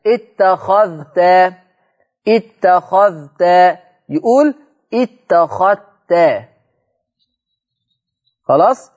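A male Egyptian religious teacher gives a televised lesson on recitation. His fairly high voice repeats terms slowly and keeps checking with the listeners through rhetorical questions. The broadcast audio sounds muffled and lo-fi. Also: darkish tone. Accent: Egyptian Arabic.

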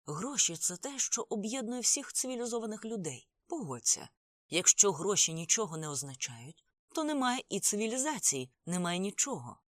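An audiobook reader voicing a grieving older male crime boss, pleading and agitated in a raised, higher voice. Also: sing-song, fairly quick, fairly bright tone, dry recording, studio quality. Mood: agitated lament. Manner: pleading, agitated, tearful speech.

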